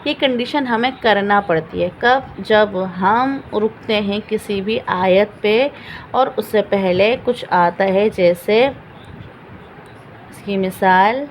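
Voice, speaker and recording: A woman teaching Quran recitation rules step by step, patiently repeating each example slowly and asking questions she then answers. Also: medium pitch, a little hiss or hum, low-quality recording. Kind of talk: step-by-step Quran reading lesson.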